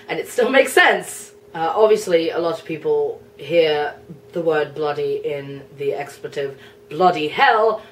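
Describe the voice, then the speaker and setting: A woman's voice: lowish voice, far from the mic, slight background noise, natural voice. A woman playing England, a prickly young male nation personified, in a chatty, explanatory cosplay Q&A. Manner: chatty, explanatory, a bit flustered, laughs often. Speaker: cosplayer answering viewer questions. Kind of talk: in-character cosplay Q&A.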